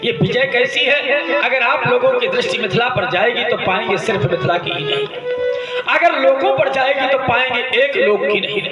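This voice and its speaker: A male stage actor playing a grieving, proud king and father in a devotional Ramlila drama, declaiming theatrically with drawn-out, hammy delivery. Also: very high-pitched, expressive, muffled recording. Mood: insistent, reproachful. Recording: echoey stage PA with loud music. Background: loud musical accompaniment.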